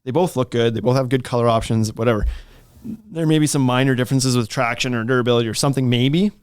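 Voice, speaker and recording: A chatty man talking casually in a dry, close-sounding room. His voice sits at an ordinary pitch, and he laughs easily and leaves sentences half-finished. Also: fairly even intonation, quick pace, clean tone, no echo. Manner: chatty, laughs often, trails off mid-sentence. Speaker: podcast co-host at a deck store. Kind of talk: casual chat. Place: indoors, store.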